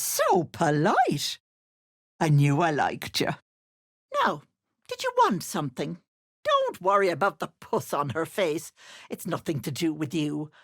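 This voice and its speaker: Slow, swooping, wicked old auntie hag. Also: female voice, medium pitch, no echo, studio quality, full character voice. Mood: syrupy teasing, then sly cajoling. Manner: cloying endearments over menace, theatrical, drawn-out teasing. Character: sly old hag posing as a sweet auntie, wicked and gloating. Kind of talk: video game character voice acting.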